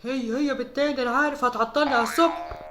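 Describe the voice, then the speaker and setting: Woman playing an Egyptian dad, cartoon family skit, very fast talk, bright voice. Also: high-pitched, steady tone, slight background noise. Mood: harried. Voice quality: rapid-fire chatter. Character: busy hardworking father, pious and impatient.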